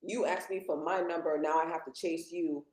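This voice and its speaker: A woman's voice: deep voice, fairly even intonation, moderate pace, a little mellow, roomy sound, rough recording. A woman in her thirties speaking bluntly and plainly as a guest in a casual podcast conversation, with slangy phrasing. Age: 30s.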